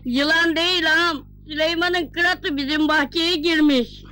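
A fat, fawning servant. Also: male voice, very high-pitched, fairly even intonation, measured pace, heavy background noise. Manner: fawning, sing-song teasing.

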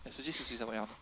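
A man in relaxed gameplay conversation, joking and teasing as he comments. His mid-pitched voice sits in clear background noise with clicks. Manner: joking, bantering. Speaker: gaming video player and commentator. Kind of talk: casual gameplay chat with a friend.

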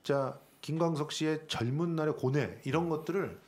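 A man's voice: on the high side, normal speed. A middle-aged man hosting a casual studio chat, chatty and full of questions, at a desk mic in a small studio. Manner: lively, chatty, asks many questions. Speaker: host. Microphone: desk mic on a stand.

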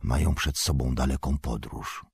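A man voicing a grim, guarded ranger in an audiobook, calm and measured, sometimes whispering. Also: a bass voice, vocal fry, husky, no echo, studio quality, exaggerated voice. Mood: grave. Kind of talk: audiobook character voice.

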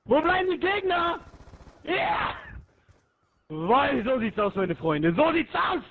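A man raging and yelling during an online shooter match, swearing and taunting his opponents nonstop. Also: very high-pitched, sing-song, slow, gravelly, rough recording. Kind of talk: screaming gaming rant.

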